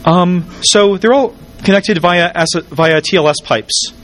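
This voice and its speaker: A man giving a technical conference talk, wired on caffeine, hurried and jittery with stumbles and dry, wry asides. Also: high voice, fairly bright tone. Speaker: conference speaker.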